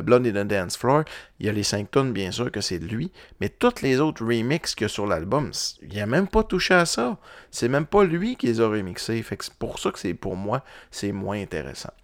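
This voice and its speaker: A man's voice: fairly low pitch, big pitch swings, moderate pace, dry recording. Québécois man rambling about records. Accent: Québécois French. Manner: rambling, frequent fillers and restarts. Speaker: podcast host. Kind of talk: casual chat about vinyl records.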